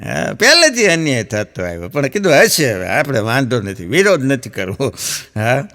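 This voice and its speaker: A man's voice: mid-range voice, big pitch swings, normal speed, a bit bright. A middle-aged man with a Saurashtra Gujarati accent, telling stand-up jokes in a chatty storytelling way and chuckling at his own punchlines. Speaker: stand-up comedian.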